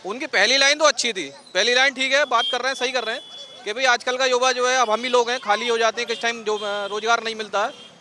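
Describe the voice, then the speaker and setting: A man's voice: extremely high pitch, fairly even intonation, fast talker, sharp tone, a little hiss or hum. A man being interviewed on a city street, speaking earnestly and rambling with many fillers.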